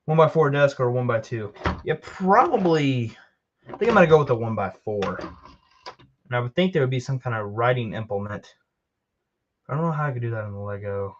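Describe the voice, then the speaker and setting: A man's voice: medium pitch, lively intonation, a little fast, pauses often, highs cut off. A man casually commenting while he builds with Lego, rambling and joking at himself as he works. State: tired.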